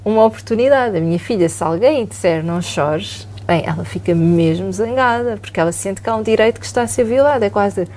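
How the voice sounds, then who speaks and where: Woman, European Portuguese accent, psychologist, mellow warm tone, calm explanatory manner. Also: medium pitch, a little fast, hardly any pauses, slight background noise. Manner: calm, explanatory, often asks "não é?". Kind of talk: explanatory podcast talk.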